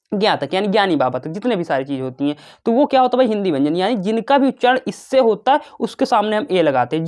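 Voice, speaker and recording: Fast-talking chatty tutor, man. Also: high voice, darkish tone. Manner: chatty, calls students "bhai" and "babu", asks and answers his own questions. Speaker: teacher. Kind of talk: casual classroom lesson.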